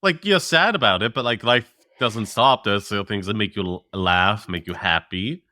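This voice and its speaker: A man's voice: on the low side, moderate pace, no room sound, clean studio sound. A man co-hosting a tech podcast, chatting casually and moving the talk along to the next segment. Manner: animated, leads the segments. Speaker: podcast co-host. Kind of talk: casual chat.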